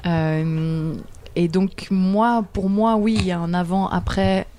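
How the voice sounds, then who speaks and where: Hesitant woman, low mellow voice. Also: steady tone, slow pace, a little hiss or hum. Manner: hesitant, many fillers, laughs often. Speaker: theatre director, guest. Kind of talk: casual radio interview.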